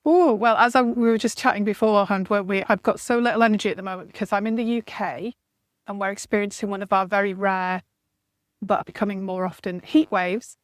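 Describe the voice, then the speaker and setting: A woman's voice: mid-range voice, fairly even intonation, brisk, no echo, studio quality. Chatty woman with a northern English accent. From northeast England. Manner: chatty, laughing, rhetorical tag questions. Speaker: guest, creative coach. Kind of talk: casual chat.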